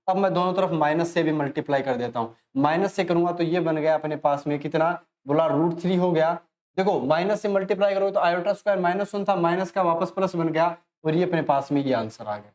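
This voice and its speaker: An Indian man teaching maths online, working through problems in a chatty way and urging students to pause and try. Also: on the high side, darkish tone. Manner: chatty, talks to students as if they ask questions; encouraging, urges students to pause and solve. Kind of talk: online lesson, solving problems.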